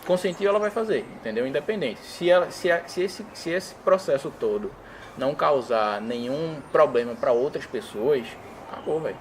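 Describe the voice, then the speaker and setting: A man, explaining his views as an interview guest in animated casual talk and acting out examples in quoted voices. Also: fairly high pitch, normal speed, slight background noise.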